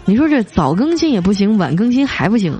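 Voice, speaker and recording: Woman host, casual and teasing, mellow tone over faint music. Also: medium pitch, big pitch swings, fairly quick. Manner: playful, teasing, reads jokes with light voiced quotes. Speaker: podcast host reading listener comments. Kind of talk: casual chat. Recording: soft music behind.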